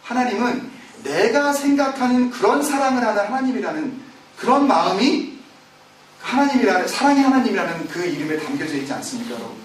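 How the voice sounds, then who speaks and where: A high-voiced man preaches a sermon, his pitch leaping widely as he fires questions at the congregation. He sounds far from the mic in a very echoey church, with faint ambience behind him. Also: animated, a little fast, slight background noise. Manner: acts out quoted complaints with raised pitch. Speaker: pastor. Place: church sanctuary. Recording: very echoey room, voice from a distance.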